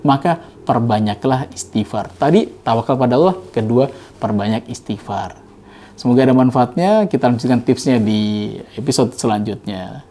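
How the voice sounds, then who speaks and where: A man gives a Ramadan religious talk in a mellow, warm voice at an ordinary pitch. He preaches gently and conversationally and slips into lively storytelling. His tone stays close and friendly. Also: moderate pace.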